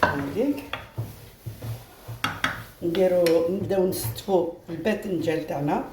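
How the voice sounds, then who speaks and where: A woman's voice: fairly low pitch, normal speed. A woman with an Algerian Arabic accent hosts a home cooking video. She walks viewers through each step in a chatty, repetitive way and keeps calling them "girls". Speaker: home cooking channel host. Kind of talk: casual step-by-step cooking demonstration. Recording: roomy echo with faint background noise.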